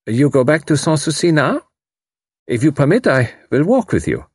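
Man doing a young man, stiff, formal, raised pitch. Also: sing-song, moderate pace, slightly rough, no room sound, studio quality.

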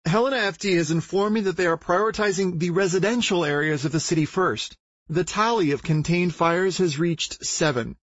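A man voicing a frazzled female TV news reporter in brisk on-air delivery. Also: high voice, fairly bright tone, no room sound, voice pushed up. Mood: urgent. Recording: dull lo-fi recording.

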